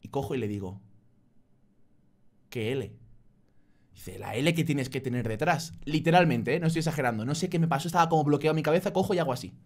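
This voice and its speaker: A young man with a Spain Spanish accent telling an anecdote to his viewers, self-mocking and animated, acting out both sides of the conversation. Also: on the high side, fast, pauses often. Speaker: YouTuber. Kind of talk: casual storytelling to camera.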